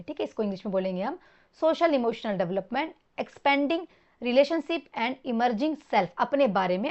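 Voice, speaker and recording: High-voiced woman teaching an exam-prep lesson. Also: dull audio. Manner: explains with examples, frequent "ठीक है" checks.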